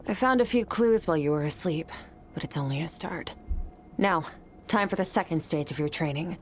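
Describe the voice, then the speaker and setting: An actress playing a composed female mentor in a video game, giving measured, matter-of-fact instruction. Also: low voice, slight background noise, close to an everyday voice. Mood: calm, instructive. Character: cool, composed female mentor in combat training.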